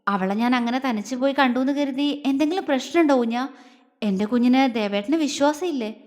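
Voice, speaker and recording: Female reader playing a stern but tender man, calm and reassuring, long reverb on the voice. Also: sits high, brisk, close to an everyday voice. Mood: serious. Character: grown man, protective, stern, tender lover.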